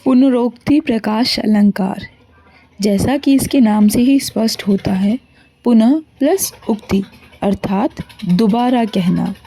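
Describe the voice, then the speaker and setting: A woman explaining grammar in formal, textbook phrasing at an even tone. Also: fairly high pitch, takes it slowly, husky. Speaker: teacher. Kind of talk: measured explanatory narration.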